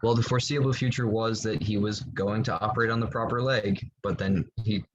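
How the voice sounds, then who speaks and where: A man's voice: fairly low pitch, steady tone, fairly quick, noisy background. A man, a student asking a question on a video call, hesitant and searching for words. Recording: dull lo-fi video call audio.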